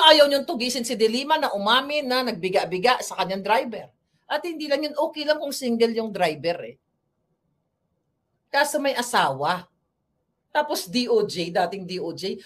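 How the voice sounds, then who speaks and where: A fairly high-pitched woman from the Philippines talking straight to her viewers in a loose political commentary vlog. She is blunt and combative and chats at length, sliding between Tagalog and English as she goes. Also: a bit bright. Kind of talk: casual political commentary monologue.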